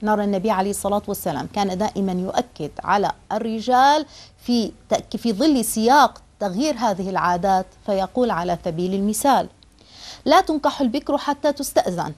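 A woman's voice: medium pitch, fast talker, darkish tone. Earnest woman giving a religious lesson. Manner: earnest and explanatory, with small restarts. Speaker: religious teacher.

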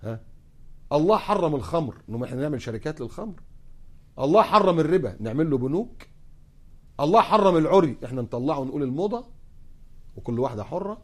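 A male preacher with an Egyptian accent delivers a sermon at a rapid clip. His voice is a little higher than most men's and rises and falls sharply. He fires off sarcastic, mocking rhetorical questions. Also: animated. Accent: Egyptian Arabic.

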